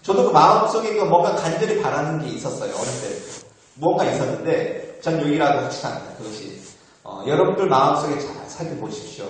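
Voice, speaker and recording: Echoey Korean monk telling a story. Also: male voice, fairly high pitch. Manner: conversational, with frequent "eo" fillers and laughs. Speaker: monk giving a dharma talk. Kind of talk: informal Buddhist dharma talk with storytelling. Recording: very echoey, far from the mic.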